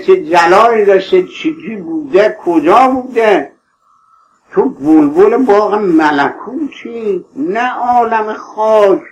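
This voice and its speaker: Male preacher, high voice, fervent pleading sermon delivery. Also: dull audio, a little hiss or hum. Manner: impassioned, pleading, addresses listeners tenderly.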